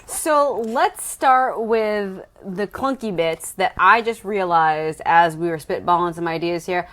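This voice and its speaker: An American woman co-hosting a casual, comedic book podcast recorded in an attic, with a playful, halting delivery. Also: medium pitch, a bit bright. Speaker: podcast co-host.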